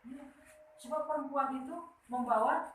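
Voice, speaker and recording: A woman giving lively, teasing marriage advice at a wedding ceremony, checking in with the couple with a constant "ya?". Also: high voice, moderate pace. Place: marriage hall. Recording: very echoey hall, far from the mic, faint noise.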